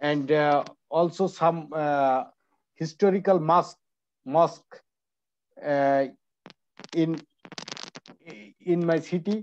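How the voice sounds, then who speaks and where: Hesitant student, very slow speech. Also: mid-range voice, a little mellow, muffled recording. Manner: hesitant, many fillers and restarts. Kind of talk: speaking practice.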